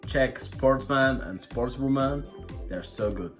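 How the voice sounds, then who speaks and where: A man's voice: mid-range voice, takes it slowly, over music. A man answering in a joking, playful way. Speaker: interviewee.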